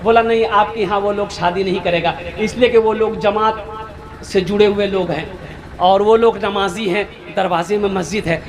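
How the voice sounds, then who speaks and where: A man from Bengal giving an animated sermon to a seated gathering, questioning his listeners and slowing down for emphasis. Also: high-pitched. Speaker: Islamic preacher. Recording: live gathering with crowd noise. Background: seated crowd of listeners.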